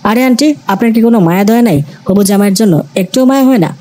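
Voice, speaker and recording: A woman's voice: on the high side, racing, warm tone, natural voice. A woman voicing a panicky young man who poses as a healer, wailing and pleading. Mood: panicked pleading.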